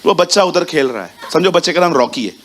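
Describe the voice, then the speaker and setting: A man preaching a sermon to a congregation in church. His delivery is lively, and he keeps putting direct questions to his listeners. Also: fairly high pitch, fast talker, slight background noise.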